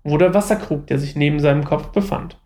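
A man's voice: a little high, quick pace, dark tone, close to an everyday voice. A man voicing a devout young fugitive warrior, reading his lines earnestly and pleadingly.

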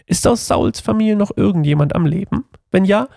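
A gracious ancient king speaks with a kindly, promising tone, as a man reads him aloud. The voice sits a bit high with a gravelly edge. It is dry and close, with no room sound. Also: fairly quick, mellow, dry recording. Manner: read aloud with slight lift.

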